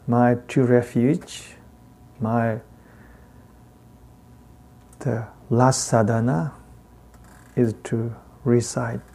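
This Buddhist teacher, a man whose first language is Tibetan, speaks with a thick accent and measured, faltering phrasing full of long pauses. His voice sits in the middle range and has a mellow quality.

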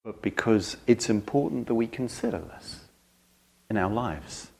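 A man speaking as a Dharma teacher to a group, earnest and reflective, in short halting phrases with thoughtful pauses. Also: on the low side, expressive, gravelly, darkish tone, husky. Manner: grave, earnest. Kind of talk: reflective spoken talk to a group.

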